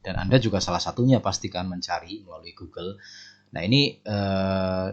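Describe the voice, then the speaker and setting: A man presents and explains to his audience of viewers. His voice sits a little low. The recording is somewhat dull and lo-fi. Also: moderate pace. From Indonesia. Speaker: business and SEO presenter.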